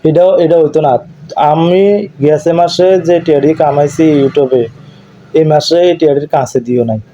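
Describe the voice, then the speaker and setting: This clip is a faint-noise, lo-fi phone recording with a dull sound, in which a man who makes YouTube videos keeps repeating himself during a casual household argument. He speaks an eastern Bengali dialect in a rather high, dark voice, keeping his intonation fairly even and his pace moderate.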